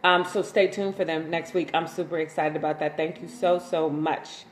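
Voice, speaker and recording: A woman's voice: low voice, moderate pace. A woman chats casually on a livestream, greeting viewers by name and reading their comments aloud. She talks in a loose, informal way. Her voice carries a roomy echo over a faint background hum. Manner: relaxed and informal, frequent ums and slang. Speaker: waist bead maker and seller, livestream host.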